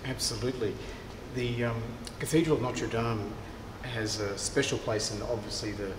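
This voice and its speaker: Guy talking slow and thoughtful in a big cathedral, lots of um, roomy sound with a long tail. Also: medium pitch, fairly even intonation. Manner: thoughtful, many ums and restarts. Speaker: cathedral director of music. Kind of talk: casual interview answers. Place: large cathedral interior. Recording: echoey cathedral with long reverb and clear background noise.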